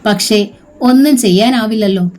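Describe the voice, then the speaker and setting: A woman voicing a worried older male teacher who reasons gently with a girl. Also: mid-range voice, normal speed, close to an everyday voice. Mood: concerned.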